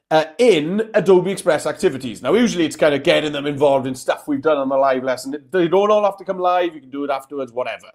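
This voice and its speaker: Higher-pitched Welsh man, casual host. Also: darkish tone. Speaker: live lesson co-host. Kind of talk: casual explaining with light banter.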